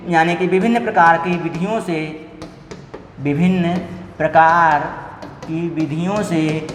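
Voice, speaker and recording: A man with a fairly high voice teaches an exam-prep lesson, going through practice questions one by one and repeating each key point. His voice rings in a roomy space with a long reverb tail and a faint hiss underneath. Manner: repeats each point, mixing read-out Sanskrit with Hindi explanation, teasing asides. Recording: echoey room with long reverb, faint noise.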